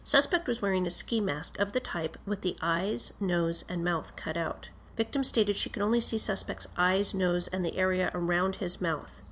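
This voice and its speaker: A woman reads a written police report aloud in a medium-pitched, fairly bright voice. Her delivery is formal and procedural, and she stays measured and matter-of-fact from start to finish.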